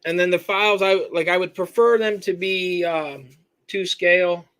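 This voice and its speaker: Casual live-stream host from Michigan, high, bright voice, rambling answers. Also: male voice, fairly even intonation, normal speed, smooth. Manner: rambling, self-correcting, reads chat names aloud. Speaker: host answering viewer questions.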